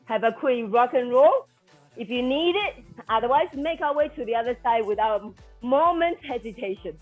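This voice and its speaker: With a slightly high, expressive voice at normal speed, a woman counts and cues her floor workout class as an aerobics instructor. Her manner is encouraging and motivating, while the audio is dull and lo-fi, with music underneath.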